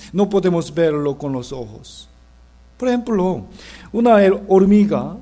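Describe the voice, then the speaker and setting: A man's voice: high-pitched, warm tone. A man preaching at a Bible seminar in a church, asking rhetorical questions and leading the congregation in reading scripture aloud.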